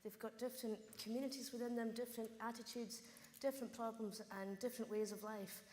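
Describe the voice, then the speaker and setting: A woman's voice: on the high side, steady tone, fast talker, darkish tone. A young woman with a Hebridean Scottish accent, speaking off the cuff as a rural youth panellist. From Outer Hebrides, Scotland. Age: young adult. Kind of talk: unscripted panel discussion. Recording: echoey hall, noticeable room noise.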